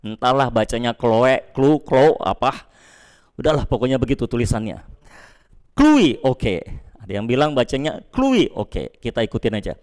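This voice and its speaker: A man preaching a sermon to a congregation, emphatic, jumping up in pitch and slowing on key phrases, then dropping low to address the listeners. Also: big pitch swings, darkish tone. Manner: emphatic, with leaps up in pitch and slowed stressed phrases. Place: church.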